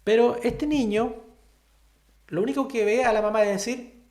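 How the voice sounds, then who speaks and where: Sign language teacher on a video call, patient and explanatory, mid-pitched voice with a roomy echo. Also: steady tone, moderate pace, darkish tone. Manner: patient, explanatory, often checks in with "¿cierto?". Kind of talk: online class explanation.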